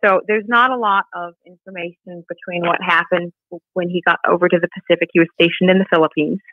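A woman with a low, steady voice talks fast as a podcast guest and nonprofit director, telling stories conversationally and reading a family letter during the interview. The remote call audio is dry with no echo, but muffled and band-limited.

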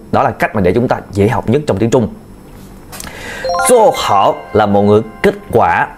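A man teaching a video language lesson, patiently repeating key points to his learners. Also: medium pitch. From Vietnam. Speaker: Chinese teacher.

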